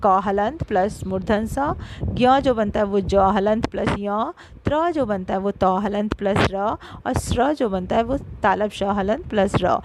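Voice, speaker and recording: A woman teacher giving an online grammar lesson, talking straight to her pupils and slowing down to spell out sounds. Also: medium pitch, background noise. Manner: explanatory, addresses pupils directly, stresses syllables slowly.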